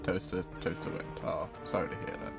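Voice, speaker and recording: A man's voice: deep voice, little pitch movement, brisk. A man streaming a game, commenting playfully and muttering to himself as he plays. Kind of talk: live gameplay commentary. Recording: loud game music behind. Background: game music.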